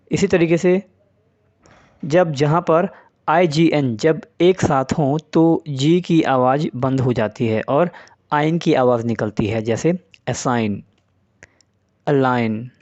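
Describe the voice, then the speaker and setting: A man's voice: mid-range voice, darkish tone, dull audio. A man teaching English pronunciation in Hindi, patiently spelling out letters and saying example words one by one. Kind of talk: spoken English lesson in Hindi.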